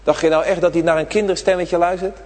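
A man's voice: high-pitched, fairly even intonation, fast, darkish tone. A man preaching a children's sermon on prayer day in a church, emphatic and full of short, repeated phrases spoken straight to the children. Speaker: pastor. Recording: long church reverb.

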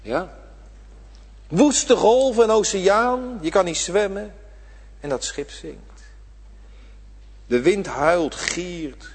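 A man preaching a sermon, impassioned, swinging from loud appeals to hushed whispers, in a church. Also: high-pitched, lively intonation, very slow, pauses often, slightly rough. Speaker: pastor. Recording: reverberant church hall.

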